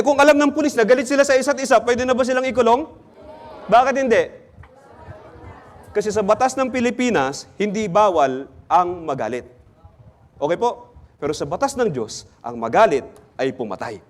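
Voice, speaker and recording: A man preaching in church, quizzing the congregation and teasing them with jokes. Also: high voice. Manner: questions the congregation, teasing and jokey. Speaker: pastor. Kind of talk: interactive sermon.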